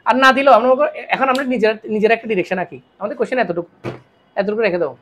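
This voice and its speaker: A woman's voice: medium pitch, expressive, very fast, a little hiss or hum. A woman teaching a physics lecture, tired, and asking the class questions that she then answers herself. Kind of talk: classroom lecture solving circuit problems.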